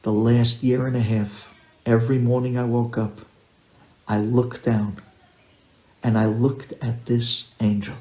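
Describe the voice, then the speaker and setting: A male storyteller voicing a grateful teenage boy who was once a troublemaker, speaking softly and earnestly. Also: mid-range voice, level tone, unhurried, long pauses, natural voice. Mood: tender. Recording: roomy echo.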